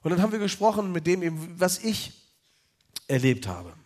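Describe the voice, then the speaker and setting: High-voiced man telling a personal story. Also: fairly even intonation, fast, darkish tone. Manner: loose, chatty storytelling with many fillers. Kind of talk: personal faith testimony, told as a story.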